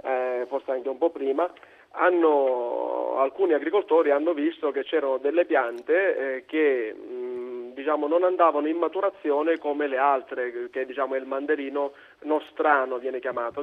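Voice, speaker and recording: A man with a Sicilian accent giving unscripted interview answers, haltingly searching for his words. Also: medium pitch. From Sicily, Italy. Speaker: interview guest, fruit producer. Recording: narrow tinny phone-like line.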